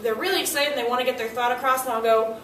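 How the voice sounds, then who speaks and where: A woman teaching a language class, her voice somewhat high and full of life as she acts out little exchanges between teacher and students. She is recorded from a distance in an echoey room. A faint hum of room noise sits behind her. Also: very fast. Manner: animated, acts out student and teacher lines in quotes. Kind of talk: classroom instruction.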